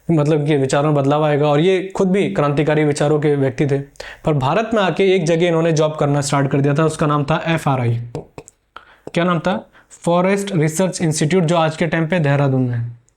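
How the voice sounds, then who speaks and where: A man's voice: fairly high pitch, darkish tone. A man teaching a history lesson for exam preparation, telling it as a story and answering viewers' questions.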